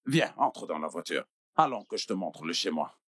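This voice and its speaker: A man's voice: low-pitched, sing-song, moderate pace, fairly bright tone, slightly rough, dry recording, clean studio sound, heavily acted. An actor dubbing a wealthy middle-aged businessman chief who coaxes and pleads, repeating himself with tag questions. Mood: coaxing. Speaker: dub actor. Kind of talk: dubbed film acting.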